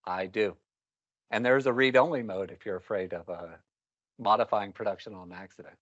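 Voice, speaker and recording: A man's voice: lowish voice, moderate pace, fairly bright tone, dry recording. A man presenting a technical talk to a live meetup audience, wry and rambling, with candid asides. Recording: dull, muffled meetup recording.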